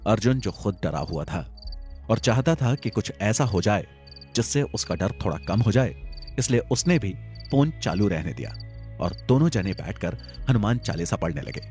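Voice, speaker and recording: A man narrating a Hindi horror audio story in a steady, suspenseful storytelling manner. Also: on the low side, normal speed. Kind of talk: scripted storytelling. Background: faint music and crickets.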